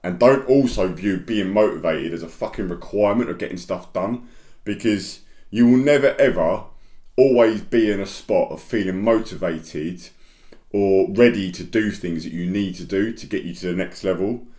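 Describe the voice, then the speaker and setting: A man's voice: sits low, moderate pace, dark tone, reverberant. A man coaching construction business owners in a blunt, straight-talking monologue, swearing often and hammering points through repetition.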